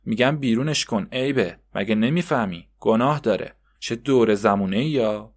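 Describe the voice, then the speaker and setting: A man voicing a snobbish heavyset woman in a bathhouse who scolds in a shrill, contemptuous way. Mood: scornful.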